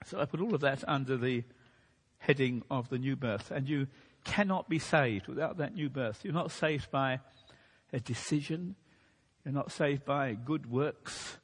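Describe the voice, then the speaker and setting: A man preaching a sermon in a measured teaching manner, losing his voice a bit. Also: mid-range voice, breathy edge. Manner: measured teaching delivery, occasional restarts. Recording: long hall reverb.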